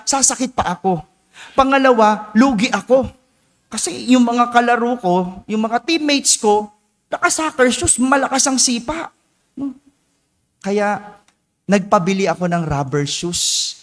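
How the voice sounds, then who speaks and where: A man with a high voice delivers a homily as a parish priest. He tells a childhood story in a chatty, conversational way and keeps checking in with his listeners. His pitch jumps up and drops low as he shifts between scenes. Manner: conversational storytelling, frequent tag questions; lively shifts in pitch and pace.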